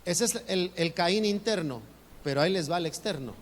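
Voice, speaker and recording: A man preaching a sermon as pastor, animated, acting out his congregants' voices. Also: normal speed, slight background noise. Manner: animated, acts out congregants' voices with rising pitch. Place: church sanctuary. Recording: reverberant church hall, faint ambience.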